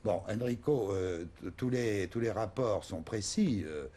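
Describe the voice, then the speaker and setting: A male TV talk show host who asks probing questions in a lively way. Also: on the low side, measured pace.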